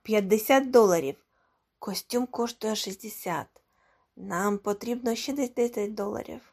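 A woman voicing an eager, bossy young man who leads his friends, speaking loud, pushy and excited. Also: medium pitch, a little slow.

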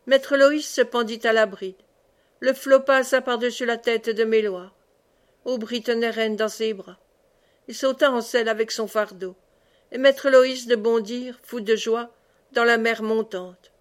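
A woman reading a classic novel aloud as an audiobook, expressive in the dialogue. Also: a little high, unhurried. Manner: expressive, raises voice for cries. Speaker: audiobook reader.

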